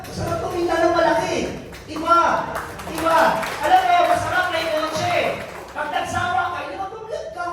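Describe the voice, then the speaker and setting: A man from Albay, Philippines, with a high voice gives a joking motivational talk to a live crowd. He teases people and keeps asking them questions. The voice rings through a very echoey hall, heard from a distance over faint background noise. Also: a bit bright. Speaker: business mentor and motivational speaker. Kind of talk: motivational speech to a live audience. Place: event venue hall, indoors. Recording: very echoey event hall, picked up from afar.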